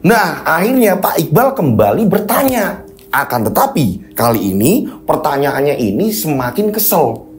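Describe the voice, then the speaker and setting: A woman's voice: low voice, sing-song, measured pace, darkish tone, a little hiss or hum. A woman narrating a mystic horror story in a casual, conversational way.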